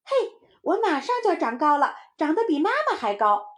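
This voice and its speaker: A woman's voice: sing-song, fairly quick. Woman doing a chirpy boastful little boy. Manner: high chirpy child voice, boastful. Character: cheeky little boy proud of his drawing.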